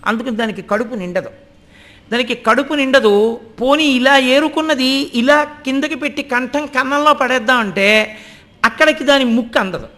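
A middle-aged man delivers a devotional discourse in a strikingly high voice, turning to his audience as he tells the story. His tone is bright and forceful, and every point lands with animated conviction. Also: moderate pace. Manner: animated, addresses listeners directly, acts out voices and chants Sanskrit verses. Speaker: religious discourse speaker.

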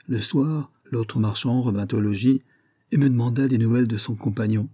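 A man reading a saint's legend aloud as an audiobook, in a measured, deliberate way. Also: medium pitch, warm tone, breathy edge. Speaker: audiobook reader. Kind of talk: storybook narration of a saint's legend.

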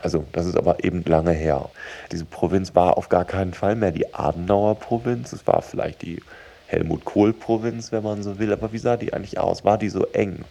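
A man's voice: sits low, fairly quick, creaky, warm tone. A man giving a thoughtful, reflective radio interview, searching for words as he talks.

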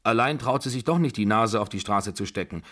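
A deep-voiced man puts on a domineering old grandmother in her seventies, raised higher and louder than his usual low voice. She barks commands and scolds everyone around her in a radio reading. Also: fairly quick. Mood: commanding. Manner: bossy, scolding, loud and commanding. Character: imperious 75-year-old woman, grandmother, domineering.

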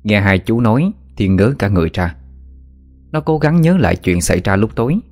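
A man narrating a spooky story in a steady, even manner. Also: lowish voice, brisk. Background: faint background music.

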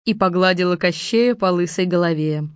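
Woman storyteller, lowish voice, dry muffled lo-fi read. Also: moderate pace, clean tone, no echo. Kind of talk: fairy-tale narration. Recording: dull lo-fi recording.

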